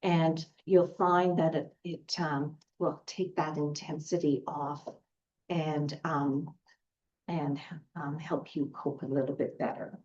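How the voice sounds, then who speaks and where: A woman facilitator teaching a skills lesson, guiding gently with fillers and restarts. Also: low-pitched, flat delivery, slow. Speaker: group facilitator. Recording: dull lo-fi recording.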